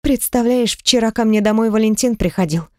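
A woman's voice: a little high, fairly quick, dry recording, clean studio sound, natural voice. A woman doing a shy, weary young woman. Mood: weary, embarrassed. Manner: weary, embarrassed, soft. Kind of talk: audiobook character reading.

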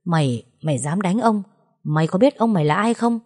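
A woman voicing an arrogant, bullying young master who shouts threats and stammers when beaten. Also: fairly low pitch, lively intonation, a little fast, no room sound, clean studio sound. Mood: enraged.

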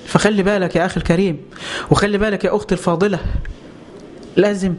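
A man's voice: high voice, fairly even intonation, fast, slight background noise. A man with an Egyptian Arabic accent preaching a religious lesson, firing rhetorical questions and answering them himself with passion.

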